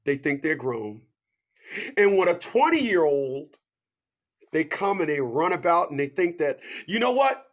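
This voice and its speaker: A fifty-something man delivers a preachy motivational monologue in a fairly high voice. He fires rhetorical questions and repeats his catchphrases, swinging hard between loud, lifted lines and low, hushed asides. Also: very animated, a little slow. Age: 50s.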